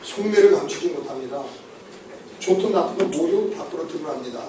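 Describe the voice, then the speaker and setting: A man giving an animated, joking lecture on personality types to an audience, often checking that they follow. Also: a little high, brisk. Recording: echoey hall, voice from far off, noisy.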